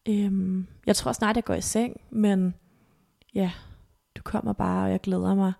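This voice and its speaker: A woman guest on a podcast, softly retelling a painful personal story, halting and emotional. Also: medium pitch, flat delivery, vocal fry. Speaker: interview guest.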